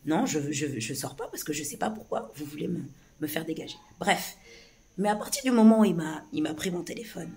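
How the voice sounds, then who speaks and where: A woman with a low, hoarse voice speaks straight to camera in a loose, unscripted way. She stumbles and restarts often, repeating words as she pushes through an agitated account. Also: animated, fairly quick, darkish tone. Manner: agitated, hesitant, many restarts and fillers. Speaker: vlogger recounting a police incident. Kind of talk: casual spoken account to camera.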